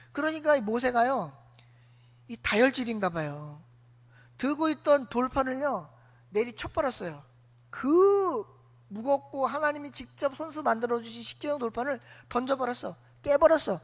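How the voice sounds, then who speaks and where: A woman's voice: sits high, a bit bright, in a large hall. A woman preacher giving a sermon who asks the congregation questions, answers them herself, and acts out biblical figures in casual speech. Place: church sanctuary.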